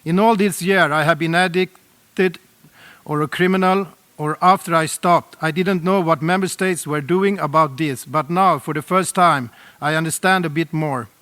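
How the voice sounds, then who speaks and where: A middle-aged Swedish man with a Swedish accent delivers a prepared address at a UN roundtable, earnest and deliberate, with small slips in his English. His voice sits a little high and sounds a bit bright.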